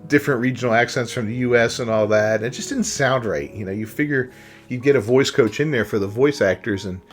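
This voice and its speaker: Guy ranting casually about games, rambly, keeps going "right?", soft guitar music behind. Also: mid-range voice, a little fast. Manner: rambling, keeps asking "right?" and "you know". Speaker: gaming channel host. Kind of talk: casual opinion commentary.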